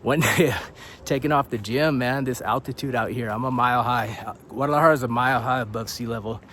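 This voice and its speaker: A young man vlogs to camera in a loose, rambling way, dropping "dude" and swears and chuckling as he goes. He sounds a little out of breath, and his pitch sits in an ordinary middle range. A faint hiss of noise runs under the voice. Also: brisk, a bit bright. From United States. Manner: casual and rambling, says "dude", swears, laughs between points. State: a bit out of breath. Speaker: vlogger living abroad. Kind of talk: casual talking-head vlog.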